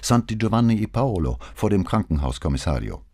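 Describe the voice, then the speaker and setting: A man's voice: fairly low pitch, sing-song, a little fast, mellow, no echo, clean studio sound, pitched above the performer's own voice. A man reading the part of a nervous young policeman who sounds increasingly unsure and apologetic.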